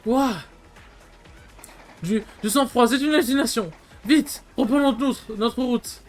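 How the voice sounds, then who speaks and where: A man voicing a pompous, cowardly nobleman captain in a video game, stammering and shrill when he is scared. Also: slow, soft background music. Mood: panicked.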